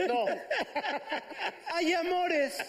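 A man's voice: very high-pitched, extremely slow. A Mexican man hosting a casual talk show, teasing his guests with crude banter. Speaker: host. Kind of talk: casual chat.

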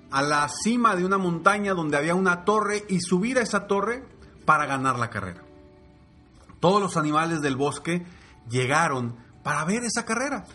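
A man telling a motivational fable in a lively, repetitive way, going soft and low for the lesson. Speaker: motivational storyteller. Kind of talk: motivational storytelling.

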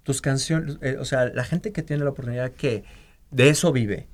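A man, a singer and designer talking casually in an interview, animated and full of fillers and restarts. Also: mid-range voice, normal speed.

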